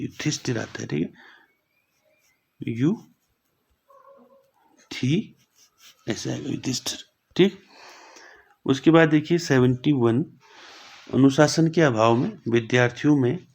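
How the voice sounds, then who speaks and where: A young man teaching a spelling lesson for exam preparation, repeating each word and closing points with a quick "okay". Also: mid-range voice, vocal fry, darkish tone. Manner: repeats words slowly, ends points with "thik hai".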